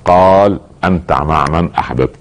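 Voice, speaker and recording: A man's voice: extremely low pitch, normal speed. A man with an Egyptian Arabic accent preaching a sermon. He asks his listeners rhetorical questions and rises into emphatic bursts.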